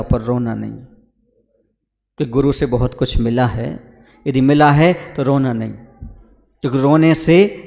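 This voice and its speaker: Slow, gravelly man giving a sermon. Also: medium pitch, darkish tone, long reverb tail. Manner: addresses listeners as brothers, asks them questions. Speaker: Jain monk.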